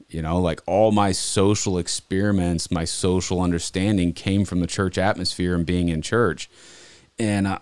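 A man from Montana, a podcast guest telling relaxed, rambling stories from his childhood in casual chat. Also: sits low, smooth, no echo. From Montana, USA.

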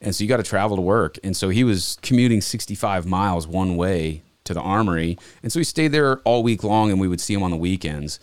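A man from Montana, a podcast guest telling relaxed, rambling stories from his childhood in casual chat. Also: low voice, fairly quick, few pauses, smooth, no room sound. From Montana, USA.

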